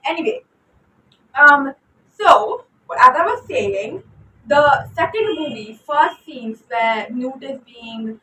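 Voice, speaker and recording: Bright-voiced young Indian woman rambling. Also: high voice, slow, a little hiss or hum. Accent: Indian English. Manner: rambling, excitable, restarts often. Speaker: book vlogger. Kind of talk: unscripted fan commentary. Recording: echoey room, distant mic.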